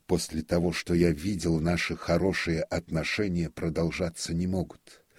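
A man voicing an aggrieved middle-aged notary who speaks in stiff, formal phrases and turns mocking and loud. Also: sits low, level tone, moderate pace, slightly rough, no echo, clean studio sound. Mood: stiffly formal. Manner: formal, pleading then sneering and shouting.

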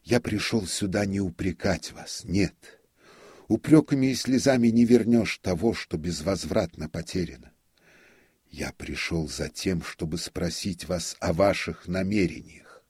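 A man voicing an aggrieved middle-aged notary who speaks in stiff, formal phrases and turns mocking and loud. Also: sits low, measured pace, slightly rough, no echo, clean studio sound, pitched above the performer's own voice, exaggerated voice. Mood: stiffly formal. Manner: formal, pleading then sneering and shouting.

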